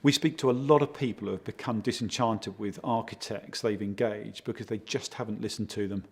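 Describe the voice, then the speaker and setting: Guy consultant answering interview questions, bit husky, measured and clear about his points. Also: fairly low pitch, fairly even intonation. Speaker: project consultant for a home design firm.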